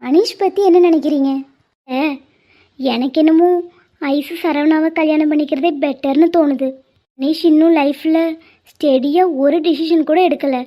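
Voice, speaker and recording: A woman's voice: sits high, steady tone, moderate pace, mellow, natural voice. A woman voicing a chatty, curious young bride who teases in a bubbly way. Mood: earnest. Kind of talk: Tamil cartoon voice acting. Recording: muffled lo-fi audio.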